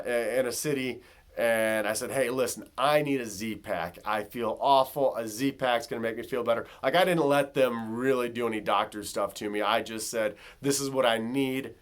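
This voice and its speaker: A man casually telling his own story to camera in a vlog, with loose filler words and conversational asides. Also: mid-range voice. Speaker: vlogger.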